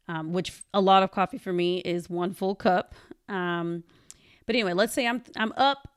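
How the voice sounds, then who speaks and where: A woman's voice: lowish voice, smooth, no echo, studio quality. A young adult woman hosting a solo podcast, talking candidly and chattily and acting out her own quoted lines. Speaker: podcast host. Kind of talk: personal solo podcast monologue.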